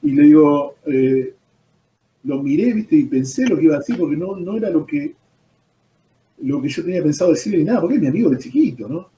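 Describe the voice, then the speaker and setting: A man's voice: fairly high pitch, lively intonation, a little fast, mellow, highs cut off, a little hiss or hum. A man with an Argentine accent, a pastor giving his personal testimony in an interview, telling it as a story and dropping "¿viste?" as he goes. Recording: roomy echo, distant from the mic.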